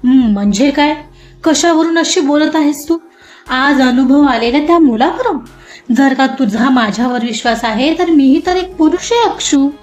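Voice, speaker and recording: A woman voicing a gentle, caring middle-aged father in an audio story, speaking softly and fondly. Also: high voice, lively intonation, normal speed. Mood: concerned. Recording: roomy muffled recording, soft music.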